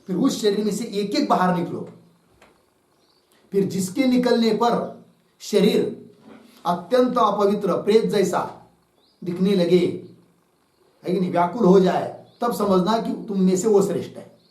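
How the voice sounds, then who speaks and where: A man teaching a scriptural commentary lecture, explaining slowly and asking many rhetorical questions. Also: sits high, darkish tone, recorded from a distance. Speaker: Vedanta teacher. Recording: echoey room, mic from afar.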